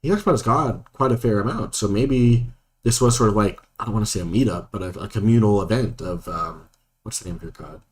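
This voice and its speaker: A man's voice: lowish voice, quick pace, a little mellow, a little hiss or hum. A man playing a tabletop role-playing game, talking casually in a rambling way with lots of restarts. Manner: rambling, full of fillers and restarts.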